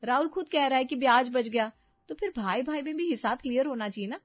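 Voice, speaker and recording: A woman's voice: high voice, dry recording. Woman voicing a penny-pinching young wife. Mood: insistent. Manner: brisk, lecturing, insistent. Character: calculating young wife, obsessed with money. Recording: dry, dull lo-fi sound.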